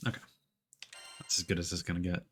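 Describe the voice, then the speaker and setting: A husky, low-pitched man rattles off casual live game commentary fast and with a completely flat delivery. He thinks aloud into a streaming microphone with headphones as game music plays.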